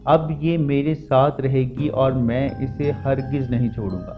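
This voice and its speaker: A man's voice: mid-range voice, highs cut off, close to an everyday voice. A man voicing a menacing male spirit that has possessed a girl, speaking in a threatening, gloating way. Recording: music bed under voice.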